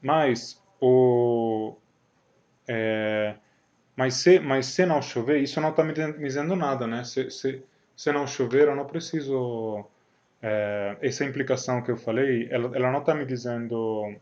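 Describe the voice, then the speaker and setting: Italian male lecturer, mid pitch, halting delivery with lots of fillers, dull lo-fi recording. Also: fairly even intonation, a little mellow. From Italy. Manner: hesitant, many fillers and restarts, checks in with "né? certo?". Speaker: university math lecturer.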